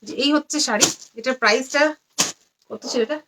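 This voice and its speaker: Tired woman pitching saris on a live stream. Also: a little fast, background noise. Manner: repeats prices again and again. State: tired and low on energy. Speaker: online saree seller. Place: indoors among stacks of saris.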